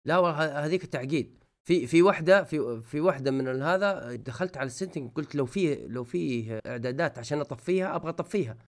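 A man in casual gaming chat, talking in an animated, exasperated way. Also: on the high side, quick pace.

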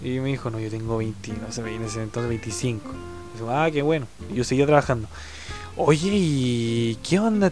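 A man's voice: mid-range voice, creaky. A man in his twenties with a Chilean Spanish accent, casually telling a story and acting out the other people's voices. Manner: animated, acts out other voices and sounds.

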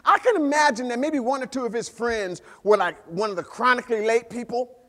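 A man preaching a sermon as pastor, telling the story with animated swings from loud to hushed. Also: extremely high pitch, fairly quick. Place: church hall. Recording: long reverb of a large hall.

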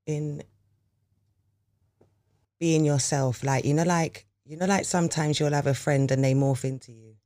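A man's voice: on the high side, steady tone, measured pace, long pauses, mellow, no room sound, studio quality. A man with a London roadman accent in casual conversation, repeatedly checking that the listener understands.

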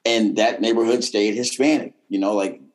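A man's voice: lowish voice, steady tone, moderate pace. Man with a mild Boston accent. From Boston, United States. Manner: blunt, profane, rambling. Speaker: podcast guest, comedian and former bike messenger. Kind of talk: casual conversation.

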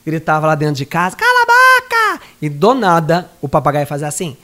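A man chatting on a podcast, telling stories with lively acted-out voices and frequent laughter. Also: fairly high pitch, fast talker. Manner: animated storyteller, acts out quoted voices, laughs often. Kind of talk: casual podcast chat.

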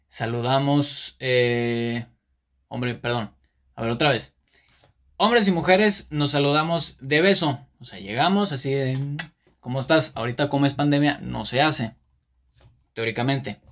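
A man's voice: medium pitch, fairly bright tone. A man with a Mexican Spanish accent hosting a casual monologue podcast, rambling and often correcting himself with many fillers. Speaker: podcast host.

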